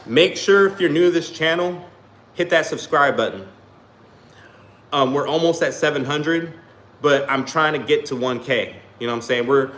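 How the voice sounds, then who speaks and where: A small YouTuber rambles casually to his livestream chat, his voice on the high side and a bit bright, constantly dropping "you know what I'm saying" and "you feel me." The room echoes noticeably, with a faint hum underneath.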